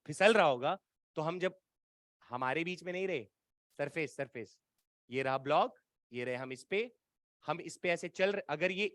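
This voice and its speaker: A man's voice: a little high, fairly bright tone, dry recording, studio quality. A man teaching an exam-prep physics lecture, coaxing and colloquial, often checking whether students follow. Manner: colloquial, playful teasing tone.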